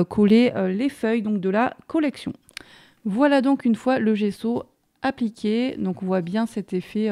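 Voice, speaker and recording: A woman hosts a relaxed craft tutorial, chatting through each step as she works. Her voice is mellow and warm with a slight gravelly fry. Her explanations are easygoing and practical. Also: medium pitch. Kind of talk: casual hands-on craft tutorial.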